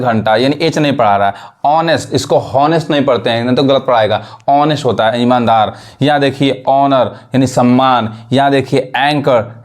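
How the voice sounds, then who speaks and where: A man teaching English pronunciation in a video lesson, explaining step by step and answering his own questions. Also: medium pitch.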